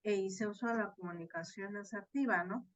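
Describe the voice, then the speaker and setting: A woman's voice: medium pitch, moderate pace, no room sound. A woman teaching an online class, explaining step by step with frequent fillers and tag questions, recorded on a video call. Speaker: online course tutor. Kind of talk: virtual class lecture. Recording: slightly dull, dry video-call audio.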